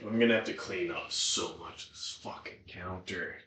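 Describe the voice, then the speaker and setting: A man with a slightly low, bright voice talks casually to himself and his viewers. He rambles as he thinks aloud and swears freely. The room around him is clearly echoey. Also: moderate pace. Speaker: streamer cooking on a livestream.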